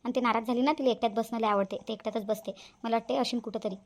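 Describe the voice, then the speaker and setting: Cartoon role: a woman voicing a high, fast, exclaiming village daughter-in-law. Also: steady tone, darkish tone, lightly acted. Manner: exclaiming, gossipy. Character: chatty young village daughter-in-law, fussing. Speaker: cartoon voice actress. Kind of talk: cartoon family drama dubbing.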